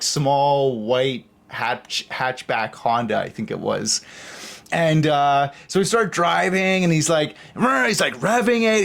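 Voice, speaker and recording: Young man, rambling storyteller, slightly high voice, casual podcast chat, acts out quotes. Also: creaky. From Canada. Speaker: podcast host.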